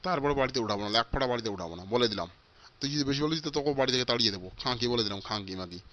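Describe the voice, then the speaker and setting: A man voicing a stingy, foul-mouthed old father in a comic cartoon, shouting and cursing at his family. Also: medium pitch, lively intonation, very fast, muffled recording, very noisy, close to an everyday voice. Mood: angry. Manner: shouting, cursing, repeating threats.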